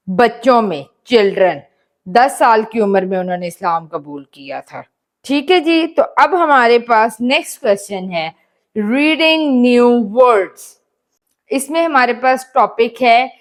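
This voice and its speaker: Slow, patient woman teacher. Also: a little high. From Pakistan. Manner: switches between slow English reading and explanations in Hindi-Urdu; reads English sentences very slowly, word by word. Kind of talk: recorded lesson explaining a textbook.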